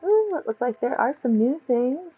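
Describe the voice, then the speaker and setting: A woman's voice: sits high, sing-song, normal speed, breathy edge, narrow, tinny audio, faint music behind. A woman streaming a video game with casual, playful commentary, chatting to herself as she plays. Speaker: gaming streamer.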